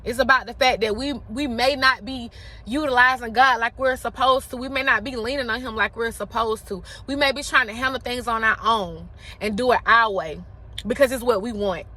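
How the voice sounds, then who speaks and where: A woman's voice: fairly high pitch, moderate pace, sharp tone. A woman around forty giving an emphatic, impassioned motivational talk, repeating phrases for effect.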